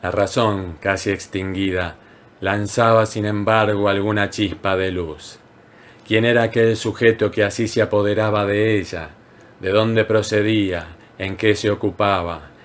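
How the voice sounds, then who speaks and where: A man narrating a classic short story as an audiobook, reading in a measured, unhurried way with frequent pauses. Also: lowish voice, fairly even intonation. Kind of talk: scripted literary narration.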